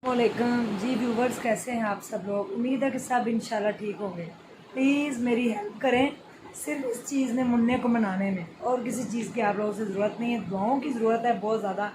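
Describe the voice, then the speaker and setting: A woman with a slightly high voice films a casual vlog from a small bedroom at night, with noisy background sound. She sounds soothing and pleading, and says "inshallah" often.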